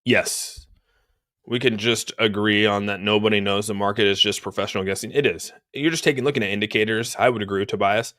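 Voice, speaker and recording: Here the crypto streamer's fairly low voice sounds steady, brisk and sharp as he goes over charts in a room at home. Still, he's easygoing and rambling as he answers chat, a little stuffed up, and "dude" keeps popping up.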